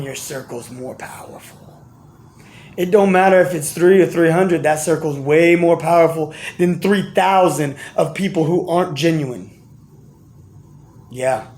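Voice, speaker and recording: Earnest slangy man, high voice. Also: darkish tone. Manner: slangy, repetitive, earnest preaching tone with restarts. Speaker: vlogger giving life and business advice. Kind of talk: casual motivational monologue to camera.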